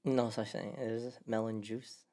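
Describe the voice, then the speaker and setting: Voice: mid-range voice, level tone, normal speed, mellow. A host of a casual livestream podcast, playful and hyped, laughing often and joking with the crew.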